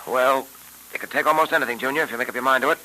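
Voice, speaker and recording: An actor in old radio drama style playing a principled, stoic police detective with a crisp, authoritative manner. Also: male voice, medium pitch, rapid-fire, bright, forceful tone, a little hiss or hum, poor audio. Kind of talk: 1940s radio drama acting. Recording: vintage radio recording.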